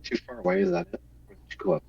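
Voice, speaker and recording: Style: brief. Man on choppy voice chat, gravelly. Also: high-pitched, fast, lo-fi sound, crowd noise. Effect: voice chat audio cutting out, choppy. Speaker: tabletop game player. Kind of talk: casual game chat. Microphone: earphone mic.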